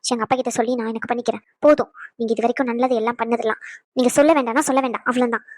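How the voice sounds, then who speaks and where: A woman voicing a stubborn, angry young pregnant wife in a cartoon, sharp and defiant. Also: on the high side, steady tone, no echo, clean studio sound, lightly acted. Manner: sharp, defiant, rapid retorts.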